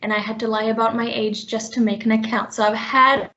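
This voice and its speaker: A young woman from Sri Lanka talks her coworkers through a presentation in a friendly, chatty way, with plenty of ums. Her fairly high voice keeps cutting in and out on a poor connection. The call audio is dull and lo-fi. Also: steady tone, brisk, bright, forceful tone. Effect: voice cutting in and out over a bad connection. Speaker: presenter at a company brown-bag talk. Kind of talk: casual presentation. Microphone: video call.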